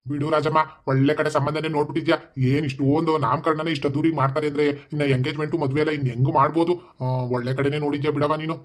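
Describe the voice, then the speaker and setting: A nervous, scheming son-in-law from an animated comedy, voiced by a man. His voice sits a little high and stays flat. He pleads and grumbles at a rushed pace. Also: lightly acted. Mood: harried.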